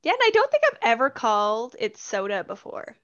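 A woman's voice: fairly high pitch, huge pitch swings, brisk, a bit bright. A woman from Canada with a Canadian accent, chatting casually and laughing often. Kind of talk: casual chat. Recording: slightly dull lo-fi sound.

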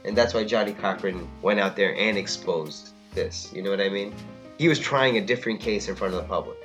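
A man's voice: on the low side, a little fast, fairly bright tone, soft background music. A man casually chatting as a podcast co-host, rambling and often asking "you know what I mean". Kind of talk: casual chat reviewing a TV drama.

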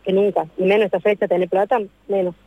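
Over a dry, tinny phone line, a woman in her thirties with an Argentine Spanish accent tells her story to a radio show in an emotional phone interview. Her medium-pitched voice has little pitch movement and no room sound. Distraught, she repeats herself and talks in long, rushed runs.

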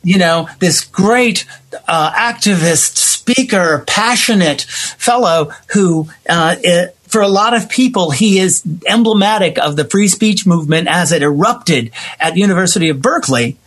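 A theater writer and director with a high, somewhat bright voice is being interviewed. He talks conversationally and expressively at a measured pace, acting out imagined quotes as he tells stories.

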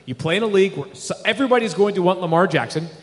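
A man co-hosting a live podcast, giving quick, confident, teasing takes. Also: high-pitched, lively intonation. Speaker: podcast co-host. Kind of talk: live podcast banter before an audience. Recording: live hall with long reverb.

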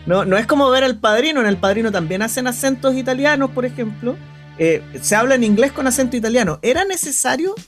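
A man co-hosts a radio film review, setting out his arguments in a measured, step-by-step way. His voice sits at an ordinary middle pitch for a man. Faint music runs under the talk. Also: expressive. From Chile. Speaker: radio film show co-host. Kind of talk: casual film review chat.

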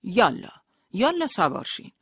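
A narrator voicing a harsh male soldier who shouts rough orders in an audiobook. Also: mid-range voice, big pitch swings, dry recording, clean studio sound, pitched above the performer's own voice. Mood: harsh shouting.

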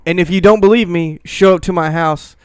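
A man co-hosting a casual podcast, with a high voice. His banter is loose, joking and crude. The sound is dry and close, with no room behind him. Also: brisk, clear, resonant tone, dry recording. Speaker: podcast co-host. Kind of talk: casual chat.

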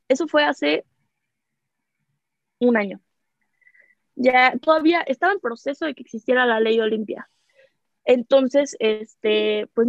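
A woman's voice: fairly high pitch, dry recording. A young woman with a Mexican accent candidly telling a personal story in casual chat, rambling with many fillers. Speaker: podcast guest. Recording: dry, muffled lo-fi recording.

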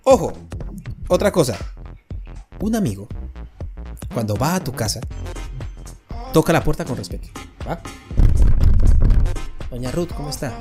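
A man's voice: a little high, very animated, a little slow, pauses often, music in the background. A man with a Colombian accent hosting a comedic podcast, joking playfully and acting out what his friends say. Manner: jokey, playful, acts out quoted friends. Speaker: podcast host.

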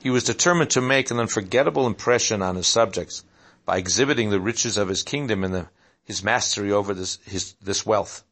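Gravelly guy reading a story out loud, steady, trips over a word now and then. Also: fairly low pitch, fairly quick. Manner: steady, with small slips and restarts.

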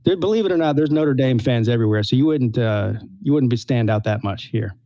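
A man's voice: mid-range voice, lively intonation, brisk, warm tone, no echo, muffled recording. A man co-hosting a casual sports podcast, easygoing and upbeat as he talks about an upcoming game. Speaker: podcast co-host.

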